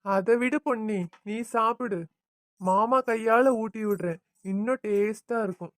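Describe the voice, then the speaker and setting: A woman's voice: on the high side, a little slow, no echo, studio quality, natural voice. A woman voicing a devoted young husband in a family cartoon, affectionate with his wife and firm with his mother. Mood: tender.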